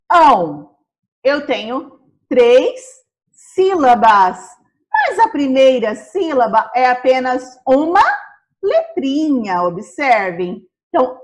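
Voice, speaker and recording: A Brazilian woman teaching a primary school class, sounding out words slowly syllable by syllable. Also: sits high. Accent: Brazilian Portuguese. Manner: slow, syllable-by-syllable explaining.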